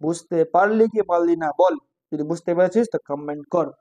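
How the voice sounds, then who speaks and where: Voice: mid-range voice, brisk, mellow. A teacher giving a casual online grammar lesson, mixing English terms into the explanation and repeating each point as a question to the students. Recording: dull lo-fi recording.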